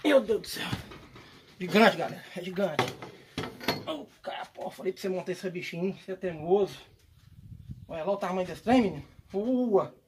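A man hosting a fishing vlog, exclaiming loudly and excitedly outdoors by a pond. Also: high voice, slight background noise. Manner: loud excitable exclamations, cheering at the catch. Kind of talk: excited live fishing commentary.

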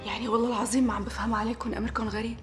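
Brief: actress playing a rapid-fire, high-voiced Syrian widow standing her ground. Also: little pitch movement, soft background music, lightly acted. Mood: defiant. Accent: Syrian Arabic. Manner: argumentative, defiant. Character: young widow, defiant and sharp-tongued.

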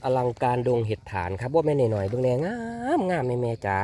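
A man with an Isan Thai accent, narrating a casual foraging vlog in a forest and calling out excitedly to his viewers. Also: mid-range voice, quick pace, a little hiss or hum. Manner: excited exclamations, addressing viewers as brothers and sisters. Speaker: foraging vlogger. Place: forest outdoors.

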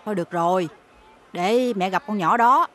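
An actress playing a sharp-tongued, middle-aged Southern Vietnamese woman who scolds her servant and dotes on her son, with a Southern Vietnamese accent. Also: normal speed, close to an everyday voice. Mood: doting. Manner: shrill scolding and nagging. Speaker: domineering mother and market boss.

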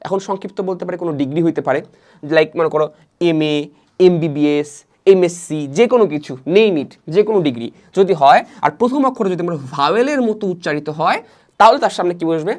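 A man gives an online English grammar lesson, quickly repeating each rule and asking his students questions that he then answers himself. His voice is high with lively intonation.

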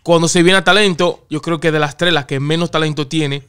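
A man's voice: a little high, brisk, smooth. A man co-hosting a casual podcast chat, switching between Spanish and English and arguing his points, often checking in with "right?". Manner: animated, argumentative, keeps asking "right?". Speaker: podcast co-host.

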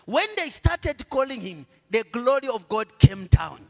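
A middle-aged Zambian pastor preaches a sermon from a church stage into a handheld mic, his very high voice very animated in a large hall. Using call-and-response, he has the congregation finish his sentences, swinging from quiet murmurs to loud, drawn-out proclamations.

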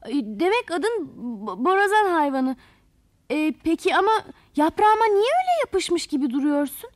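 A woman's voice: extremely high pitch, sing-song, normal speed, no echo, studio quality. A woman voicing a water plant in a storybook tale, scolding at first and later firm but kind. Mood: puzzled. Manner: indignant scolding, then firm and kindly.

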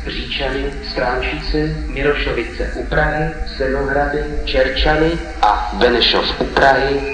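A man reading a formal station announcement in a measured, segmented way as a railway announcer. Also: mid-range voice. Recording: echoey hall, long reverb.

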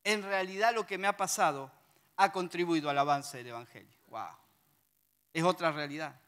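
A male preacher with a Rioplatense Spanish accent, giving a lively sermon that reads scripture aloud and adds humorous asides to the congregation. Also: fairly high pitch, normal speed, smooth.

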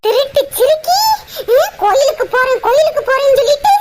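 A woman voicing a loud, melodramatic village woman in a cartoon, scolding and wailing with a Tirunelveli Tamil accent. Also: extremely high pitch, fairly quick. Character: loud, dramatic village woman Rani, older sister. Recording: loud background noise.

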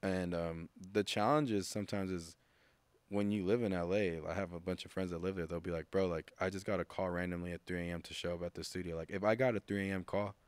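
A man's voice: deep voice, steady tone, fast talker, clear, resonant tone, no room sound. A man in his thirties, a music producer guest on a studio podcast, talking casually with restarts and acted-out quotes. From United States. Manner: laid-back, rambling with restarts and acted-out quotes. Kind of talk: casual interview chat. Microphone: studio mic with headphones.

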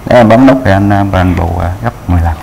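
A young man answers haltingly, breaking up his lines with fillers. His voice is fairly low, with faint noise behind. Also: vocal fry, a little mellow, rough recording. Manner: hesitant, halting, filler-heavy. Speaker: dating show contestant. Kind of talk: nervous answers on a dating show.

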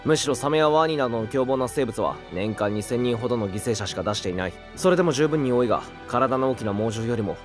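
A man voicing a level-headed, know-it-all cartoon penguin who explains things and makes sharp, dry retorts. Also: medium pitch, lively intonation, quick pace, hardly any pauses, faint music behind, close to an everyday voice. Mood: dry explaining. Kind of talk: animated explainer comedy.

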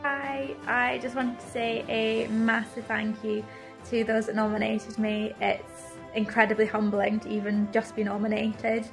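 A woman's voice: on the high side, flat delivery, measured pace, vocal fry, faint music behind. A young woman giving a humble, sincere acceptance speech over a video call. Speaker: award winner.

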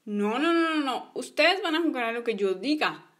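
A woman's voice: sits high, lively intonation, normal speed, fairly bright tone. A woman voicing a bossy, stubborn young boy in a toy play story, whiny in manner.

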